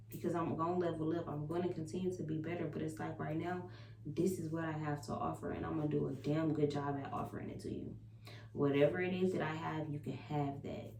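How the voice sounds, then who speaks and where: A woman's voice: low-pitched, dark tone. Woman vlogger, confessional casual chat, emphatic and sweary, roomy echo, distant mic with faint hum. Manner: candid, emphatic, profanity-laced, repetitive self-affirming.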